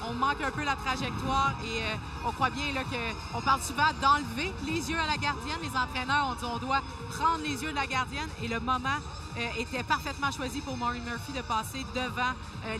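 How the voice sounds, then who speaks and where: A woman working as a hockey colour analyst, explaining replays live in a hesitant, step-by-step way. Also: high-pitched. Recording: very loud arena noise behind voice. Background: hockey arena ambience.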